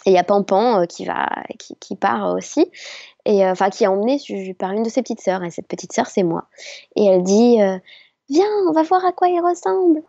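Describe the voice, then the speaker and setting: A middle-aged voice actress telling stories in an interview, chatty and hesitant with many fillers. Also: female voice, mid-range voice, steady tone, fairly quick, creaky, dark tone, dry recording. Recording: slightly dull lo-fi sound.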